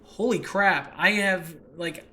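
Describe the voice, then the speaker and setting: With a voice that sits high and a slow pace, a man talks through his own audio drama project on his solo podcast, casual and excited. He's animated and spontaneous, chuckling and swearing mildly now and then. The recording comes from a makeshift home space indoors, with faint background noise.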